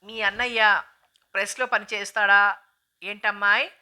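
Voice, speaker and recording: A woman's voice: mid-range voice, fairly even intonation, normal speed, bright, forceful tone. A woman reading the lines of a curious, motherly older aunt who asks question after question. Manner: inquisitive, questioning.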